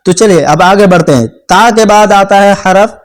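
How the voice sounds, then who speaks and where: Young man teaching a beginner lesson, a touch high in pitch, slow repetitions, keeps asking if it's understood. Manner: repeats letters slowly, checks understanding often. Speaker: Quran teacher. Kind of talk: patient step-by-step lesson.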